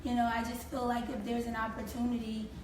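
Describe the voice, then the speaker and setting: A creative consultant in her 30s, a female guest on a talk show, sits in an armchair on stage chatting in a casual interview. Her voice is a little high, quick, animated, and slightly hoarse as she loses it, and she acts out quoted speech. The recording is noisy and echoey, captured from far away.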